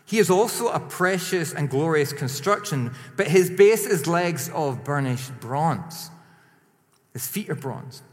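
A man's voice: on the high side, unhurried, faint music behind. Man preaching in an echoing hall. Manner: animated, rising to emphatic peaks then dropping quiet. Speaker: pastor. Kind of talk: sermon. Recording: long hall reverb.

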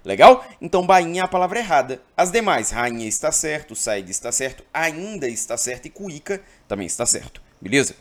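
Teaching exam-prep grammar in a slightly high voice, this man from Brazil speaks emphatically. He keeps checking in with the people listening.

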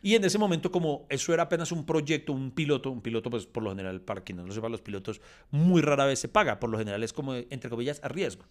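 A man's voice: medium pitch, fast talker. A man spins an anecdote in easy podcast banter, voice in a mid register. He jumps into the voices of the people he quotes and breaks into laughter often. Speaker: podcast guest telling a story. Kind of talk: casual storytelling chat.

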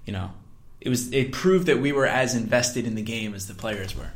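Young man, casual sports talk, middle pitch, relaxed, filler-heavy. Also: moderate pace. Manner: relaxed, many fillers and hedging restarts. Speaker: podcast co-host, student fan.

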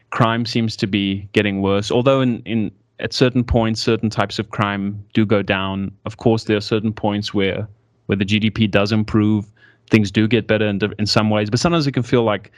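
With a voice on the low side and clean studio sound free of room noise, a young South African man in his twenties muses through a casual interview. He's reflective and keeps correcting himself mid-sentence.

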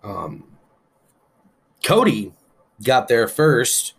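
A man co-hosts a casual podcast chat about wrestling news, talking like an eager fan with plenty of "um" fillers and an occasional curse word. His voice is mid-range, creaky, and very slow.

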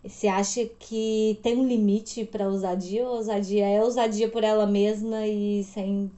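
A woman interviewing a guest in a casual chat, attentive and quick to murmur agreement. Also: mid-range voice, level tone, dark tone.

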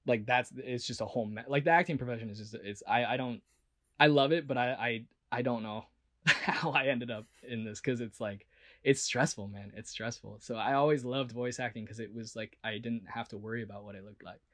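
Male voice actor, mid-pitched, chatty and rambling, honest interview tone. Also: a little fast, fairly bright tone. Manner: rambling, full of "like" and restarts; earnest and self-reflective. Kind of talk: casual interview talk.

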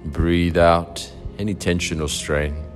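Deep-voiced man softly guiding meditation. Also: little pitch movement, faint music behind. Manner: soft, soothing, unhurried delivery with long pauses. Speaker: meditation guide. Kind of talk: guided meditation narration.

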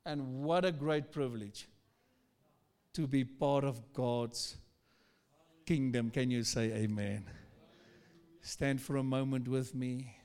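A man's voice: mid-range voice, smooth. A male pastor preaching an exhorting sermon like a pep talk, repeating questions and commands to his congregation. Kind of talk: rousing sermon exhortation, like a pep talk, calling for crowd response. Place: large reverberant church hall. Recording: long hall reverb.

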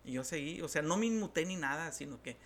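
A man who is a pastor with a northern Mexican accent, telling stories in a talk-show interview, animated and acting out the voices of the people he quotes. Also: on the high side, quick pace.

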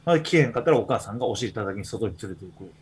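Husky Kansai man, podcast host, easygoing chatty storyteller. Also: on the low side, lively intonation, racing. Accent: Kansai Japanese. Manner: rambling storytelling with many fillers. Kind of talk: casual chat.

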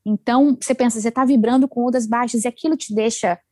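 Lively woman talking close-up. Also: a little high, fast talker, no echo. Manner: animated, acts out inner voices. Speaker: guest sharing self-help advice. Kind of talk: casual chat.

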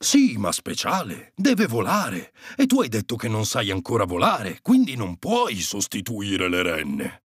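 Kindly old Santa read by a man, slow, good-natured, lively pitch, children's storybook. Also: slightly rough, no echo, clean studio sound, full character voice.

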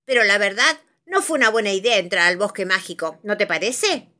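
A woman voicing a gruff but kindly old male wizard, with a hoarse, cracked voice and slow, commanding delivery, in a storybook reading. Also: mid-range voice, lively intonation, sharp tone. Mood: scolding.

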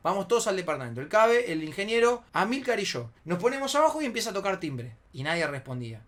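A storyteller in his twenties with an Argentine Rioplatense Spanish accent tells a comic anecdote, slangy and profane, at a quick pace. He narrates with animation and acts out his friends' shouting in high, strained bursts.

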